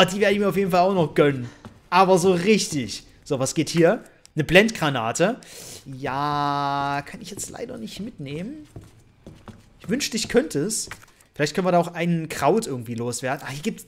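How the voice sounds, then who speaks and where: A woman with a German accent giving jokey, excitable commentary on a horror game, shrieking at scares and chatting to her viewers over a headset mic. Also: fairly low pitch, a little hiss or hum. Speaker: let's play host. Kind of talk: gaming commentary.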